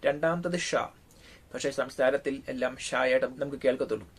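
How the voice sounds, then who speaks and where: A man with a Malayali accent giving a relaxed, casual spoken language lesson, pausing often on drawn-out fillers. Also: medium pitch. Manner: unhurried, frequent drawn-out fillers. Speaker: language teacher.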